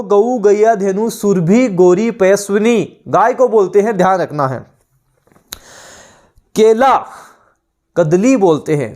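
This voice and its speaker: A man with a rather high-pitched voice and a Rajasthani Hindi accent teaches an online exam-prep lesson. He talks urgently and motivationally, then drills lists of synonyms by repeating them again and again. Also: darkish tone.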